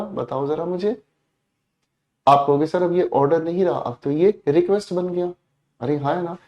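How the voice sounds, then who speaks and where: Male tutor, fairly high voice, lectures a class, repeats himself, keeps asking "got it?", jumps from loud to soft. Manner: repetitive, addresses students directly, asks check questions; switches between loud emphatic and soft low delivery. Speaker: English teacher.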